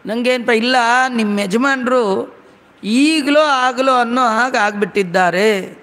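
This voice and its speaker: A man's voice: very high-pitched, unhurried, fairly bright tone. A man voicing the male sun god as a grieving messenger who speaks earnestly and urgently. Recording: long hall reverb.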